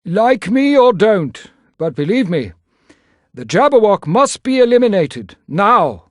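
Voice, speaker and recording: An actor playing a grave, weary, cryptic guide in a video game, speaking with solemn, admonishing deliberation. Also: male voice, sits high, very animated, a little slow, no echo, studio quality. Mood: urgent admonishing. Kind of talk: video game character acting.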